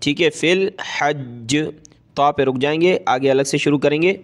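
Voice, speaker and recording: A male Quran teacher who recites verses slowly and drawn out, then explains the letters and vowel marks in quick asides. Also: fairly high pitch. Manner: slow drawn-out recitation with brisk explanations between.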